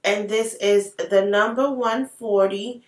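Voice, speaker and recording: A woman's voice: mid-range voice, fairly even intonation, slow pace. Chatty woman with an African accent. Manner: chatty, playful asides while swatching. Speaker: beauty vlogger. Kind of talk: casual makeup tutorial chat. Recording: roomy sound, mic at a distance.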